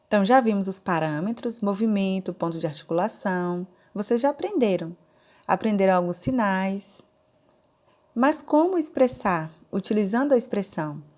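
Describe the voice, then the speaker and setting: A woman with a Brazilian Portuguese accent teaching a recorded online lesson, explaining slowly and step by step. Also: mid-range voice, animated, darkish tone. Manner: slow, deliberate, explaining step by step. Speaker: sign language teacher.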